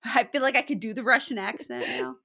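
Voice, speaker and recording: A woman with a bright, forceful voice hosting a true crime podcast in a casual, upbeat way. She chats freely and laughs at her own stories, recorded close and dry. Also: on the high side, fairly quick, dry recording. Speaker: podcast host.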